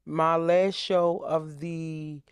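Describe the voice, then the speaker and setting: A woman's voice: low-pitched, little pitch movement, extremely slow, clean tone, no echo, studio quality. A woman in her thirties, a guest author, chatting in an upbeat way on a podcast. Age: 30s. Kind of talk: casual chat.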